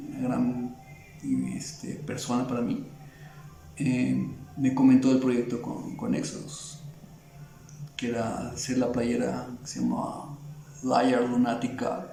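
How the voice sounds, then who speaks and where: A man's voice: mid-range voice, slow pace, vocal fry, pauses often, dark tone, roomy sound, faint music behind, rough recording. A Mexican man with a Mexican Spanish accent, an illustrator in a casual interview, talking in a rambling way with many fillers and restarts. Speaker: illustrator guest.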